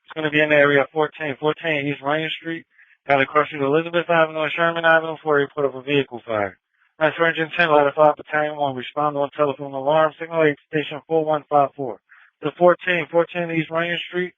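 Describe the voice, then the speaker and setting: A man working as a fire dispatcher, calling units in a rapid, clipped cadence over a walkie-talkie radio. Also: fairly high pitch, fairly even intonation, dry recording. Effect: heard over a walkie-talkie radio. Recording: tinny, dry radio transmission.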